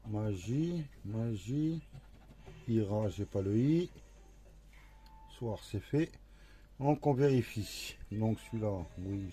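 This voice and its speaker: A man's voice: lowish voice, mellow. A man commenting casually to himself as he scratches a lottery ticket, going through it letter by letter. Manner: slow, talking to himself, letter by letter. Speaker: scratch-card vlogger.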